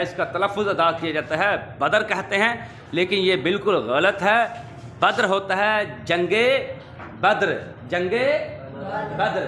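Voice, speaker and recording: A man teaches children how to pronounce words. His voice sits high and bright, and he stretches each word slowly before quizzing them with rising questions. The sound is roomy and echoey, with a faint hum behind it. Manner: slow, drawn-out repetition of words. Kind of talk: pronunciation lesson for children. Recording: echoey room with faint ambience.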